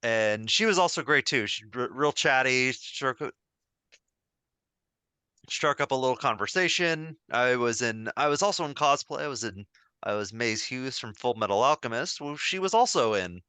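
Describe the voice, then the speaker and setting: Man, podcast co-host, casual chat, bright tone, dry close sound. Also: medium pitch, moderate pace, clean tone, dry recording. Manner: chatty, animated when recalling a story.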